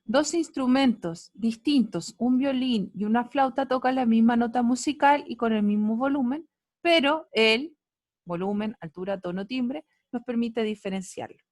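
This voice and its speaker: A woman's voice: fairly high pitch, normal speed, a little mellow, dry recording, studio quality. A woman teacher giving an online physics class, playful and teasing, asking students many questions. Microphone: computer mic on a video call.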